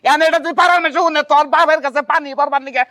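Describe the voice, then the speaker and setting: A man playing an exasperated, embarrassed son-in-law in a loud comedy skit, with a rural Bangladeshi accent and whining, protesting outbursts. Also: extremely high pitch, steady tone, very fast, heavily acted.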